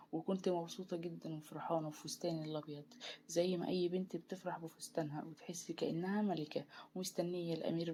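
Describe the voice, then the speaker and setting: A woman with an Egyptian Arabic accent narrating a first-person story quickly and evenly, voicing the dialogue in her own voice. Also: sits low, mellow, slight background noise.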